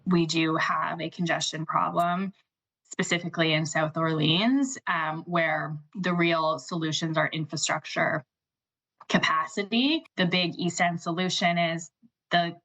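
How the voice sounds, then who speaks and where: Female councillor in interview, sharp bright tone, lowish pitch. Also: steady tone, unhurried, poor audio. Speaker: city councillor. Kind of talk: interview answer.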